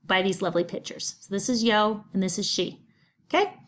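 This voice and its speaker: A woman's voice: medium pitch, brisk. A middle-aged woman, patiently teaching a recorded Spanish lesson, explaining grammar step by step. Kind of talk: recorded remote class lesson.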